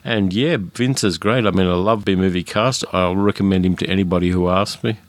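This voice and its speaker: Low and steady, a little quick, the voice of this educated-sounding Australian carries his own film podcast with no room sound. His solo monologue is frank and chatty, marked by fillers and false starts.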